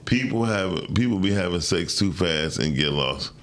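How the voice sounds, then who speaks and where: Deep-voiced man co-hosting. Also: animated, normal speed, a bit bright. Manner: loose, joking, stop-and-start. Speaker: co-host. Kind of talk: casual morning show chat.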